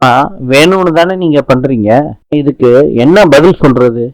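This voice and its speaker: A man's voice: fairly high pitch, animated, moderate pace, no echo, lightly acted, low-quality recording. A man reading the lines of a pleading young woman student, earnest and upset, in a dry recording.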